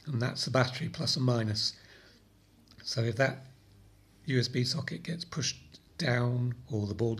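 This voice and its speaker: A man with a croaky voice from a cold, casually explaining a fix in a hobby vlog, rambling with frequent ums and repeated words. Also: medium pitch, a bit bright. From Britain. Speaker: drone hobby channel host.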